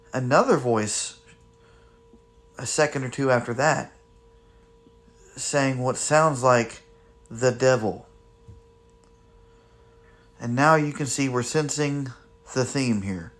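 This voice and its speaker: A man with a mid-pitched voice narrates a paranormal investigation for viewers. He speaks slowly and deliberately, in halting phrases with pauses between them, as the host explaining a spirit box session.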